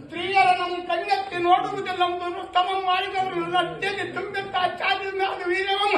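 A boastful, vain love god chants in a piercing high, bright voice that holds a narrow, steady tune. The half-sung folk-stage declamation rings with a roomy stage echo. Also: male voice, brisk, slight background noise. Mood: boastful declaiming. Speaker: folk stage drama actor.

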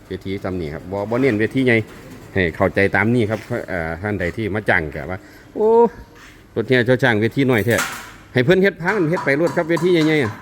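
A man's voice: lowish voice, big pitch swings, quick pace, slight background noise. A man with an Isan accent chatting casually in a rambling vlog update to his viewers. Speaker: owner of a mobile sound truck band.

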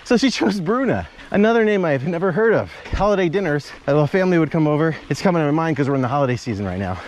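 A man's voice: on the high side, animated, rapid-fire, a little mellow, slight background noise. A man in his thirties chatting and joking while riding mountain bike trails outdoors, recorded on an action camera. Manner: chatty, joking, rambling asides.

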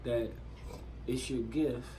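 A man in his forties chatting casually in a car, animated, slangy and playful. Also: mid-range voice, slow, crowd noise, rough recording. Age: 40s. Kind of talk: casual chat.

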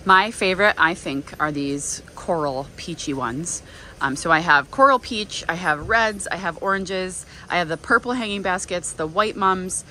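A woman's voice: lowish voice, pushed and bright, a little hiss or hum. A woman in her thirties with an American accent, chatting enthusiastically while giving a walkthrough of her greenhouse nursery. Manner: chatty and enthusiastic, many ums and restarts. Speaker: flower farmer and nursery owner. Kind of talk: casual vlog walkthrough. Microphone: handheld phone at arm's length.

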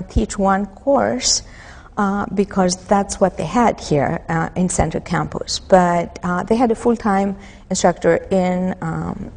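A woman in her fifties from Greece, a mythology instructor answering interview questions thoughtfully, pausing often with fillers. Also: medium pitch, vocal fry, a little mellow, in a large hall. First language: Greek. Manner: thoughtful, many pauses and fillers. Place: empty auditorium. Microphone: lapel.

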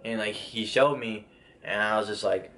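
A man's voice: fairly low pitch, normal speed, fairly bright tone. A young man casually telling a personal story, rambling with restarts and lots of filler words. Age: young adult. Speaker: vlogger.

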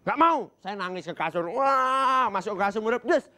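A man from Java doing a stand-up routine on a comedy stage, acting out shouts and slow, soft talk. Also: high-pitched, animated. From Java, Indonesia.

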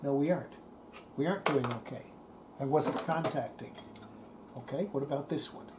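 An extremely low-pitched female voice at normal speed belongs to an older radio restorer. She mutters casual hands-on remarks to herself at a cluttered electronics workbench, recorded in a noisy workshop room.

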